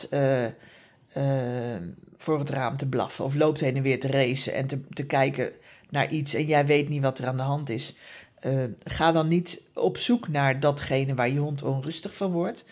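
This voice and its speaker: A woman who specialises in dog behaviour gives calm, patient training advice, with many fillers and frequent tag questions. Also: deep voice, breathy edge. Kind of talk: explanatory advice talk.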